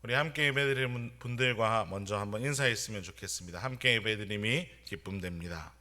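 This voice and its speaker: A young man, preaching a sermon in an earnest, measured way in a church. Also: on the low side, bright, forceful tone. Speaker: pastor. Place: church sanctuary.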